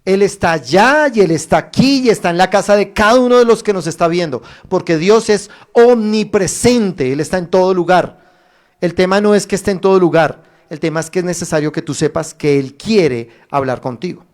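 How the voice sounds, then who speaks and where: A man pastor preaching a streamed sermon, addressing viewers directly with emphatic rises and pauses. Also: sits high. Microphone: streamed online service.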